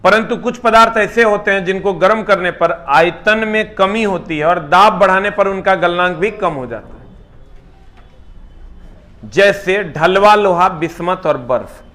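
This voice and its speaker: Bright-voiced science teacher. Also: male voice, high voice, unhurried. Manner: chatty, teasing, rhetorical questions to students. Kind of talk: live online classroom lecture.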